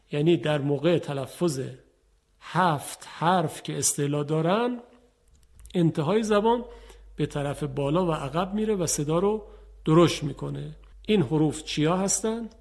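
Man slowly teaching Quran pronunciation. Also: on the high side, a little mellow. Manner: slow, drawn-out demonstration of letters; polite, formal address to viewers.

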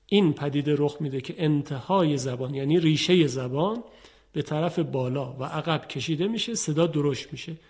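A man with a fairly high voice teaches Quranic pronunciation. He speaks in a polite, formal way to his viewers. He slows right down to stretch out each letter he demonstrates. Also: a little mellow, slightly rough. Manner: slow, drawn-out demonstration of letters.

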